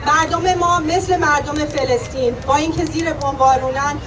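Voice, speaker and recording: At a crowded, noisy outdoor rally, a young woman gives a fervent protest speech, hammering her points by repeating phrases. Her voice is high-pitched and steady, and she talks very fast. The mic is far away, and crowds, vehicles, and loud street noise fill the background.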